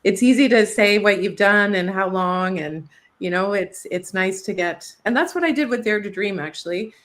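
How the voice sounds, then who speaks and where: A woman moderating a panel over a video call, reading prepared introductions in an earnest, admiring way and halting when she ad-libs. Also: mid-range voice, animated.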